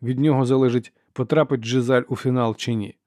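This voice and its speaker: A man narrating a fantasy audiobook in an even, measured reading. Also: medium pitch, no echo, clean studio sound.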